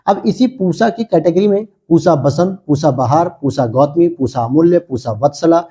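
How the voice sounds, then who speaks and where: A man's voice: fairly high pitch, moderate pace, warm tone, breathy edge. A man teaching an exam prep lesson, asking questions aloud and answering them himself. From India.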